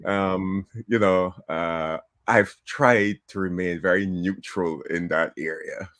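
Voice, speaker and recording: An older man from Trinidad and Tobago talks as a guest on a talk show, in a very low voice. He is chatty and laughs easily, with lots of ums. The sound is close and dry. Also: steady tone, slow pace, fairly bright tone, no echo. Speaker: political candidate guest.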